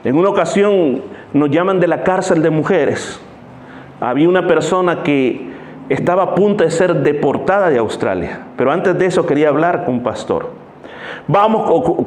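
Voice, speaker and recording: A man's voice: on the high side, expressive, normal speed, a little mellow, roomy sound. A man from El Salvador, preaching a sermon as a pastor and telling stories in which he acts out the voices of the people in them. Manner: storytelling, acts out voices in anecdotes. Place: church hall.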